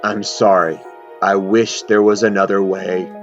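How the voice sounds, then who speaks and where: A woman's voice: rumbling low, flat delivery, unhurried, dull audio, faint music behind, voice pushed down. A woman playing a dramatic, devoted male wizard in an acted fantasy scene, grandiose and grave by turns. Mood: resigned, devoted. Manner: theatrical, swooping between grandiose and grave.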